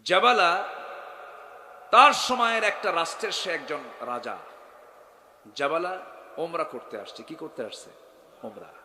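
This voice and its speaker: Echoey, bright-voiced preacher. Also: male voice, a little high, big pitch swings, measured pace, pauses often. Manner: dramatic storytelling with sudden loud bursts, quizzes the crowd. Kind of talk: sermon. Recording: echoey hall with long reverb.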